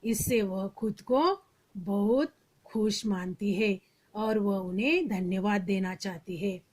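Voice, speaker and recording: A woman teacher, slowly explaining a story lesson and reading out its dialogue. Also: medium pitch, darkish tone. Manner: slow, explanatory, glosses words, acts out quoted lines.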